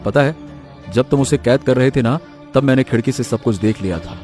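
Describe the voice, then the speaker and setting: A man's voice: mid-range voice, a little fast, warm tone, soft background music, lightly acted. Man doing a helpful young friend, earnest, plain voice, cartoon. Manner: earnest, advising.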